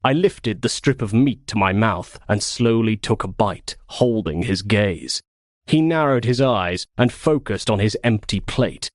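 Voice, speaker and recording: A man reading a first-person novel as an audiobook with expressive storytelling. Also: fairly low pitch, unhurried, no room sound, clean studio sound. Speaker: audiobook narrator.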